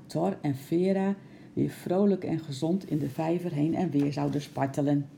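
A woman narrating a children's storybook aloud in a calm, lively way. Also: sits low, vocal fry, slight background noise.

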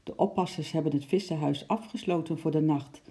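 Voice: mid-range voice, a little fast, warm tone, lightly acted. A storybook reader voicing a worried father who is locked in and grumbles about his lost keys. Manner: grumbling, anxious.

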